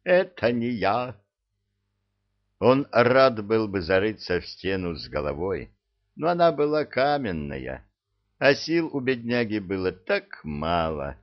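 A male narrator reads a comic fairy tale with wry, unhurried storytelling. His low, gravelly voice moves slowly but rises and falls a lot. The recording is dull and lo-fi. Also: big pitch swings. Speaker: audiobook narrator.

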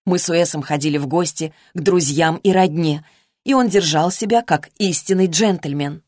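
A woman reading a novel as a first-person audiobook narrator, in a steady, measured way on a close studio mic. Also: deep voice, dry recording.

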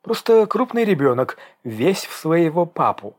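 A man voicing a defiant, sharp-tongued young pregnant woman in an audiobook, with biting, mocking retorts. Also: fairly high pitch, sing-song, unhurried, voice pushed up. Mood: furious defiant.

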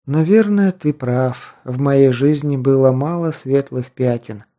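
A man reading an audiobook, voicing a proud but sheltered young noble girl in a raised, softened voice. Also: mid-range voice, measured pace, highs cut off, close to an everyday voice.

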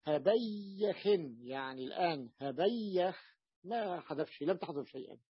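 A man with a husky voice teaches a grammar lesson, drilling example words slowly and asking his students whether they noticed. The recording is dull and dry, with no room sound. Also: a little high, expressive, no room sound. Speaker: teacher explaining Arabic morphology.

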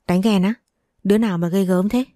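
A woman's voice: medium pitch, fairly even intonation, brisk, mellow, no room sound, clean studio sound, lightly acted. Woman voicing a blunt young girlfriend. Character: loyal young female friend, blunt.

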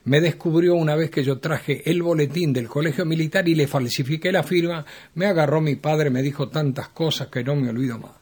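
A man with an Argentine accent voicing a second older army general who speaks gravely. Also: a little high, fairly quick, a little mellow. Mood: earnest.

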